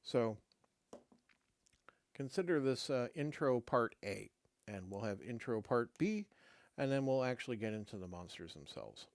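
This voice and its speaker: On a dry recording, a medium-pitched man with lively intonation reads a game rulebook on the show he hosts, adding offhand comments as he goes. He's middle-aged, and his voice is drying up and fading away. Between passages he stalls, restarting and using plenty of fillers, clearly losing his voice to a dry throat.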